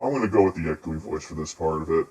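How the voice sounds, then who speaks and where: Game master man on a deep demonic layered voice effect, casual stream banter. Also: very fast, dark tone. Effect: deep demonic layered voice filter. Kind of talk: streamed tabletop game session.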